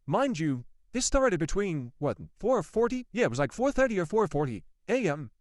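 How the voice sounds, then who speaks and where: Animated man telling a spooky story. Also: high-pitched, moderate pace, dry recording, studio quality. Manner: animated, repeats himself, swears, addresses viewers directly. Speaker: vlogger. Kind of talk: casual storytelling to camera.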